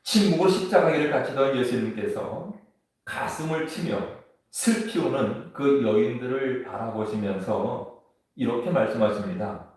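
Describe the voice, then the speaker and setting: A man's voice: mid-range voice, expressive, darkish tone. Man preaching in a far-off, echoey church. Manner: measured preaching with scripture reading. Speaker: pastor. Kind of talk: sermon. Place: church sanctuary.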